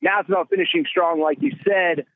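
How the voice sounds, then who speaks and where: A man's voice: sits high, very animated, brisk, creaky, dry recording. A man interviewing a guest, speaking encouragingly. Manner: encouraging and complimentary. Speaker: radio interviewer. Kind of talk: interview question. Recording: tinny phone line.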